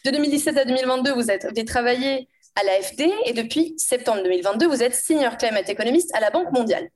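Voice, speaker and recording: Female conference moderator, a somewhat high voice, presenting a panel in a formal register. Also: animated, fast talker, darkish tone.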